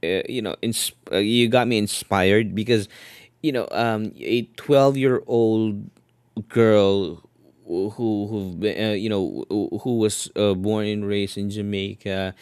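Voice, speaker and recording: Low smooth guy hosting a podcast, keeps restarting his sentences, dry close sound. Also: darkish tone, no room sound. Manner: halting, repeats words while searching for phrasing. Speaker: podcast host. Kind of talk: interview questions, casual chat.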